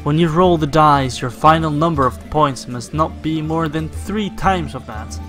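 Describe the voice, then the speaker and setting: With a fairly high-pitched, unhurried voice, this gaming channel host muses casually about the game he's playing, using many fillers. Loud game music runs beneath his commentary.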